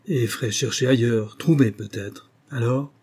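A man voicing a calm, secretive male detective who speaks low and firmly in a storybook reading. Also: moderate pace, breathy edge. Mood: hushed, firm.

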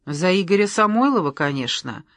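A woman's voice: lowish voice, very animated, fairly quick, no echo, clean studio sound. A reader voicing Tatiana, a bubbly young woman who teases her sister about her engagement. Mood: teasing. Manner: teasing, bubbly. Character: giddy young woman in love, playful.

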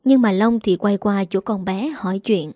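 A woman narrating a romance story in an even, plain reading style. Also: mid-range voice, moderate pace, no room sound, studio quality.

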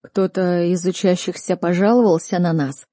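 A woman's voice: fairly low pitch, steady tone, normal speed, warm tone, no room sound, clean studio sound, natural voice. A woman reading an audiobook, voicing a guarded young male student mage who speaks tersely.

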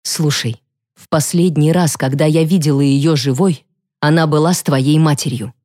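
A woman reading an audiobook voices a bossy, protective teenage girl giving hushed, urgent commands. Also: deep voice, fairly even intonation, moderate pace. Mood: urgent whisper.

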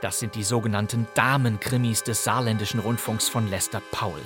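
A man's voice: lowish voice, steady tone, fairly quick, loud music behind the voice. A man hosting a programme with scripted narration, in a studio. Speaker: host and narrator. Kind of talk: scripted narration about old radio dramas. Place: dry studio with music behind.

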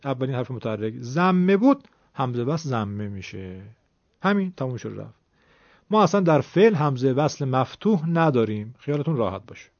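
A man with a slightly high, darkish voice teaches the rules of Quran recitation in a classroom-style lesson. He explains patiently, step by step, and quizzes his students. The recording is dry, dull, and lo-fi, with no room sound.

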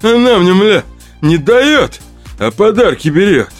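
A man's voice: high-pitched, big pitch swings, a little slow, husky, soft background music, pitched above the performer's own voice, heavily acted. A man voicing a menacing male stalker who snarls threats, then whines and pleads. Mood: snarling. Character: menacing male stalker, later sobbing coward.

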